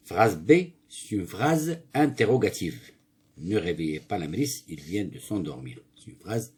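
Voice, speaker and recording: A man's voice: on the low side, darkish tone, slightly rough. A male teacher going through a grammar exercise, asking questions and answering them himself. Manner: asks questions then answers them himself, corrects slips. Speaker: primary school teacher. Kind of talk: grammar lesson, reading and explaining exercises.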